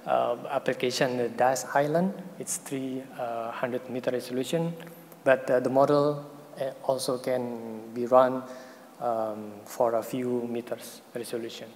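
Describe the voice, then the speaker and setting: At a conference hall, a researcher with a mid-range, slightly mellow voice gives a technical presentation and takes questions, hesitating often with fillers and restarts. Hall reverb and faint noise are audible.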